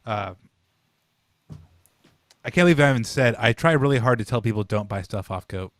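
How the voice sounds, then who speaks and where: A man's voice: mid-range voice, expressive, moderate pace, dry recording. A man co-hosting a podcast, chatting casually and telling stories with some swearing. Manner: laid-back, chatty storytelling with swearing. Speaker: podcast co-host. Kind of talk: casual chat.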